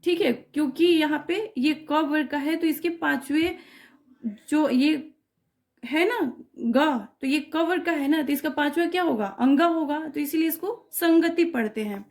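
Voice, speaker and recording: Patient and measured, a woman with a high, darkish voice teaches grammar to exam students, explaining things step by step. She regularly confirms the class is following with checks like "okay" and "clear?"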